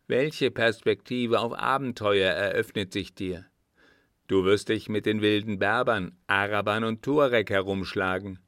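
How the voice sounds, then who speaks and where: A man's voice: sits low, unhurried, a bit bright, no room sound, studio quality. A man reading an eager, astonished young officer. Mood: enthusiastic. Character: excited young male officer friend. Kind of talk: audiobook dialogue reading.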